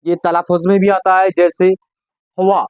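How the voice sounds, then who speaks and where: A man's voice: high voice, level tone, a little mellow, clean tone, no room sound. A man teaching an exam-prep language lesson, asking questions and answering them himself, with frequent reminders to remember key points. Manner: slow, patient, repeats key points with "yaad rakhiyega". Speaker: Urdu teacher.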